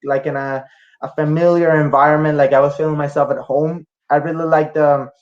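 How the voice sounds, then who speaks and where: Sounding brisk but hesitant, a young Costa Rican student guest works through interview questions with many fillers and false starts. His pitch is fairly high with little movement, and the recording is muffled.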